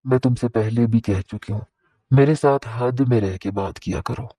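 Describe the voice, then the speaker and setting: A proud, guarded young wife in a spoken story, read by a man. She sounds firm and self-assured in a mellow, dry voice. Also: mid-range voice, no echo, natural voice.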